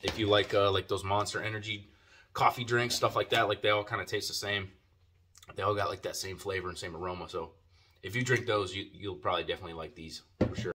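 A man's voice: low voice, fairly even intonation, quick pace, sharp tone, a little hiss or hum. A man giving a casual, slangy, profane product review while talking with a lip full of dip. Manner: laid-back, slangy and profane. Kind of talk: casual video review chat.

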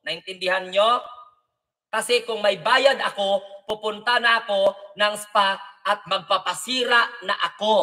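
A man's voice: high-pitched, pushed and bright, recorded from a distance. A man vlogging an angry, mocking rant with sarcastic insults and repeated rhetorical questions. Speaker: political commentary vlogger. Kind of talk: angry ranting reaction monologue.

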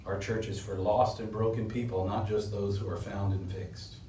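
Preaching earnestly from a lectern in a small indoor room, a middle-aged pastor speaks at a normal pace in a mellow voice with little pitch movement, yet rises in pitch and force to stress key points. The distant mic captures roomy echo and a bit of background noise.

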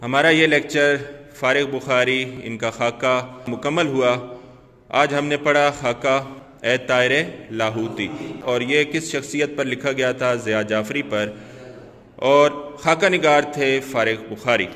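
In an echoey room with long reverb, a male Urdu teacher from Pakistan lectures his class, walking through the material step by step, repeating key terms and asking questions. He has a medium-pitched, slightly bright voice and talks a little slowly.

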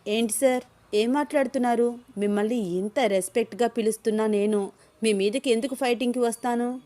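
Ananya, a woman reading as a lively young woman. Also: fairly high pitch, brisk, lightly acted. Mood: insistent. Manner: lively, indignant protests. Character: young woman, lively, quick-tongued office worker. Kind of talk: storybook reading.

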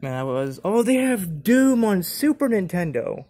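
A young man vlogging casually while walking through an antique mall, rambling, laughing often and perking up excitedly at things he spots, recorded on a handheld phone. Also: sits high, unhurried. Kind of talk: casual handheld shop walkthrough vlog. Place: large indoor antique mall with glass cases. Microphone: phone camera held while walking.

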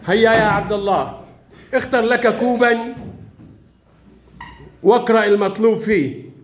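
A man's voice: sits high, normal speed, slight background noise. A male primary school teacher with a lilt, running a classroom lesson and coaxing his pupils with frequent laughs. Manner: coaxing, encouraging, laughs often.

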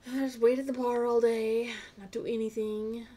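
A woman's voice: on the high side, flat delivery, normal speed, warm tone. A woman streaming a farming game live, rambling and talking to herself as she plays. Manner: rambling, talks to herself while playing. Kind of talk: casual live gameplay chat.

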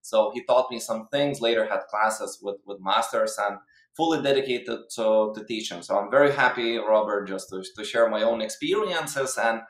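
A man's voice: fairly low pitch, normal speed, fairly bright tone, roomy sound. A man in his thirties from Lithuania, giving explanatory interview answers as a guest coach over a video call. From Lithuania or former Soviet region. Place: plain room indoors. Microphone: video call, webcam distance.

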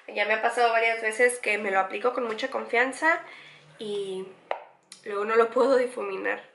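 A woman's voice: a little high, steady tone, normal speed, creaky, fairly bright tone, reverberant, a little hiss or hum. A pregnant young woman walks through a makeup tutorial, chatty and enthusiastic, repeating words for emphasis. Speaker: beauty vlogger.

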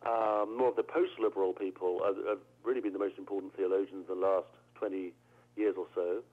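A man's voice: deep voice, fairly even intonation, fairly quick. A British man, a theologian, answering interview questions thoughtfully, often repeating words as he searches for phrasing. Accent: British English. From England. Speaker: theologian guest. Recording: narrow phone-like audio.

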